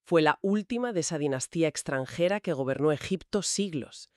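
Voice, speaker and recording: A mid-pitched voice, neither high nor low, walks through history in a calm, explanatory way. This co-host lists points one after another in a relaxed podcast chat. The recording is dry and close. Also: a little fast, no room sound.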